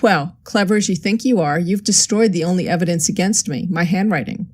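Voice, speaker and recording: A cheerful, scheming young forger who is pleased with her own cleverness, voiced by a woman narrator. She talks with confident, faintly superior breeziness in a slightly low, warm register, as in a read-aloud crime story. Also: animated, normal speed.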